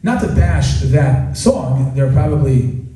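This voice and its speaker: A man, a rabbi, giving an animated sermon to an audience, asking them questions and now and then breaking into song. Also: mid-range voice, measured pace. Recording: echoey hall recording from far off.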